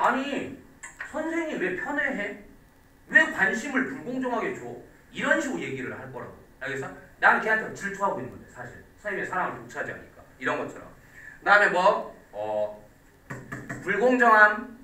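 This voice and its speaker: A man teaching an exam-prep English class in a lively, questioning style, his voice high and bright with wide swings in pitch. He fires off rapid questions to his students. The sound is roomy and echoey, picked up from some distance away.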